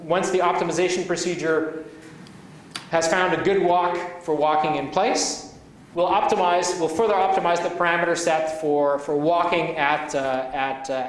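Hesitant male lecturer in an echoey hall. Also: high-pitched. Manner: halting, many restarts and fillers. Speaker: university lecturer. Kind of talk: academic lecture. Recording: echoey hall, from far off, faint noise.

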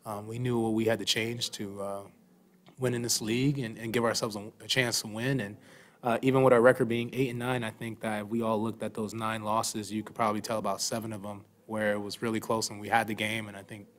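A young man, a basketball player, answering reporters at a postgame press conference. He speaks into a desk microphone in a press room, relaxed and thoughtful, with plenty of "um"s and "you know"s. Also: on the low side, a little fast. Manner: relaxed, thoughtful, many fillers.

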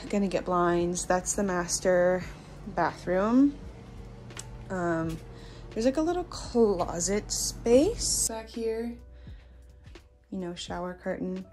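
Slow-talking young woman touring her home. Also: fairly low pitch, creaky. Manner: rambling, filler-heavy, coos to her dog. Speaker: vlogger giving a house tour. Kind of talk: casual house-tour narration. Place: small new house, indoors. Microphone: handheld phone camera.

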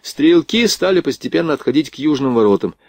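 A man reading a historical war novel aloud as an audiobook narrator, with a steady literary delivery. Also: fairly high pitch, brisk, no room sound, studio quality. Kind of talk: scripted narration.

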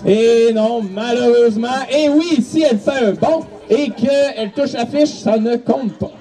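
Man, stadium announcer, very high voice, unhurried delivery, music playing behind. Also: warm tone, distant mic. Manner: hyping the crowd, calling out contests. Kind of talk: live PA announcing at a game. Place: outdoor football stadium.

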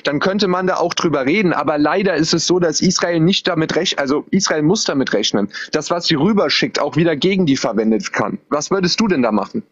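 A man's voice: on the high side, expressive, brisk, hardly any pauses. Male debater on a livestream, upper-range voice, argumentative and questioning, dull audio. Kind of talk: casual live debate.

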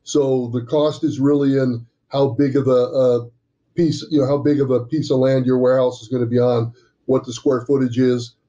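A man in his sixties, a business development director, speaks conversationally as a podcast guest in a business interview over a video call from an indoor office room. His mid-range voice is flat, dark-toned and at a normal speed, and the audio is dull and lo-fi.

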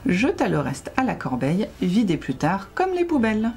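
Woman reading a children's story aloud, animated rise and fall, mid-pitched. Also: moderate pace. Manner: expressive, lively storytelling. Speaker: librarian reading stories.

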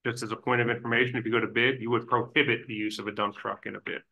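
A man's voice: medium pitch, little pitch movement, very fast, vocal fry, dull audio. A man giving informal, explanatory background at a town council meeting. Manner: explanatory, informal, restarts often. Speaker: waste industry advisor. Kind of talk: public meeting discussion. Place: council chamber.

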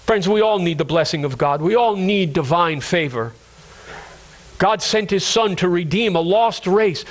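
High-voiced impassioned male preacher. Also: lively intonation. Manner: impassioned, rising to high cries then dropping low and slow; repeats and restarts words while preaching. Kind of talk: sermon.

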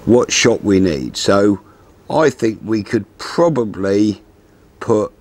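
A man in his sixties calmly explaining a fishing setup step by step, seated outdoors at a garden table and talking into a lapel mic. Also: lowish voice, takes it slowly. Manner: calm, methodical, practical explanations. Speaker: fishing instructor. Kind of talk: step-by-step tutorial.

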